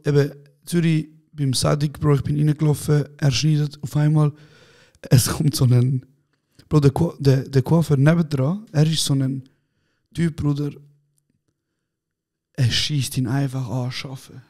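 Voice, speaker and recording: A man's voice: a little high, unhurried, warm tone. A man co-hosting a casual podcast chat, telling funny stories in slangy street talk and acting out what people said. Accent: Swiss German. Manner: slangy storytelling, acts out quotes, laughs a lot. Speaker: podcast co-host.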